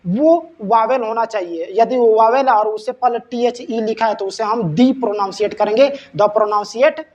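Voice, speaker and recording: A man's voice: sits high, steady tone, moderate pace, darkish tone. A male English teacher with a Hindi accent who gives a lesson. He keeps checking in with his students and asks questions that he then answers himself. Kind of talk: classroom-style lesson. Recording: slightly dull sound with faint noise.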